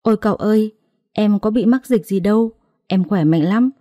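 A woman's voice: medium pitch, moderate pace, warm tone, dry recording, clean studio sound, voice pushed up, lightly acted. A woman voicing a naive, blunt young village bride in a storybook reading.

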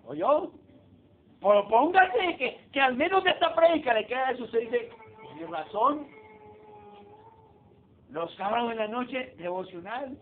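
A man's voice: very high-pitched, animated, measured pace, pauses often. A man preaching a sermon in a conversational way, often putting questions to his listeners. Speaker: pastor. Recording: tinny phone-like recording with faint noise.

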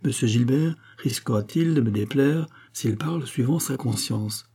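A man's voice: mid-range voice, normal speed, dark tone, husky. A man reading a novel aloud, voicing a proud, imperious queen in a haughty, commanding way.

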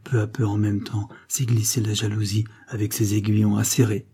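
Dark-voiced male audiobook narrator. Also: lowish voice, level tone, moderate pace, breathy edge. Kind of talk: read-aloud novel narration.

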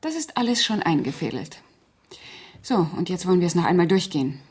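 The actress, playing a cold and calculating murderess who poses as a helpful friend of the household in a German radio crime drama, speaks with precise, controlled command. Her lowish voice is darkish and slightly rough, a little fast, with big pitch swings.

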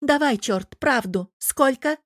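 A woman doing a shrill, jealous young woman. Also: a little slow, dry recording, clean studio sound. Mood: furious. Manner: sharp, furious, shrill accusations. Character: fiery jealous young woman, shouting at her lover.

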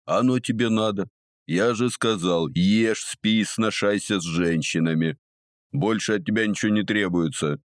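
A man voicing a gruff old gnome jailer. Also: on the low side, no room sound, studio quality, natural voice. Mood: scolding. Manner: scolding, sarcastic, drawn-out.

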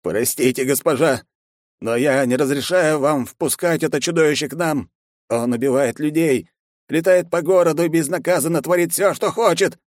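A man's voice: normal speed, dry recording, clean studio sound, natural voice. A man doing a blustering old retainer. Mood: protesting. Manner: shouting, blustering and raised in pitch. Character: old male retainer, hot-tempered and protective. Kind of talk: audiobook character voice.

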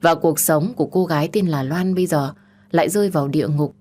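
A woman narrating a romance story in a gentle, emotional way and addressing her listeners directly as the host. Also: deep voice, a little fast.

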